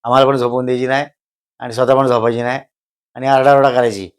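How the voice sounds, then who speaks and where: An older man, telling stories at a slow pace and repeating phrases for emphasis. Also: mid-range voice, flat delivery, smooth. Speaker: guest, host's father. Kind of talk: casual storytelling.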